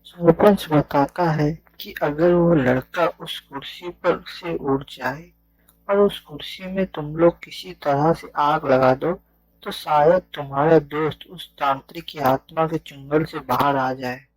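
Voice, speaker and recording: A man tells a village horror tale as its storyteller. His voice sits a little higher than average for a man, and the sound is dry with little room around it. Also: fairly even intonation, slow pace, no room sound, poor audio. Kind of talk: narrated village ghost story.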